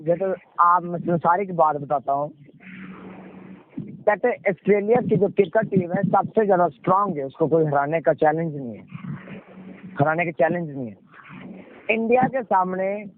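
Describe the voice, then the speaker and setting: This man preaches with a high voice and lively intonation at a moderate pace, leaving long pauses. A pastor with a Punjabi accent, he exhorts listeners, repeats phrases, and asks rhetorical questions he then answers in call-and-response style. The audio is a muffled, noisy conference call.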